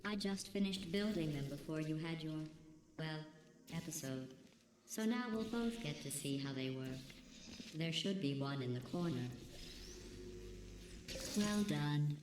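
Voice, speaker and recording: A woman voicing a cold, sarcastic female computer that runs a test lab, calm and insulting, with a robotic processed sound. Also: low voice, unhurried, pauses often. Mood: deadpan sarcasm. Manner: deadpan, passive-aggressive, insulting in a calm even tone. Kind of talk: video game dialogue. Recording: echoey game audio with steady hum.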